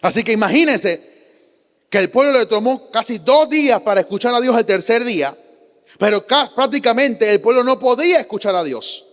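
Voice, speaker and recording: A man's voice: very high-pitched, expressive, moderate pace, a bit bright. A man, a pastor with a Panamanian Spanish accent, preaching a sermon with rhetorical questions, emphatic repetition and acted-out quotes of churchgoers. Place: church sanctuary. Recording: long church hall reverb.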